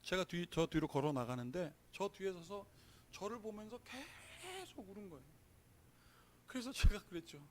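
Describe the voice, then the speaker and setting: A man's voice: high voice, expressive, normal speed, slight background noise. A male pastor preaching a sermon in a church, telling stories earnestly and growing emphatic. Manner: earnest storytelling that turns emphatic. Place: church sanctuary.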